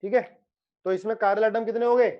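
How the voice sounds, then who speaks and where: Brief: man, chemistry teacher, high-pitched, playful and teasing, lo-fi online lecture sound. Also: steady tone, fairly quick. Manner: joking, teasing students by name; explains with playful analogies.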